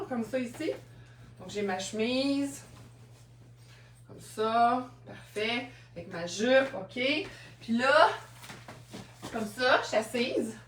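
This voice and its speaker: On a live stream where she sells second-hand clothes, a woman with a Québécois French accent chats away, tells stories and laughs often. Her voice, on the high side and a bit bright, is far from the mic, with roomy off-mic sound and slight background noise.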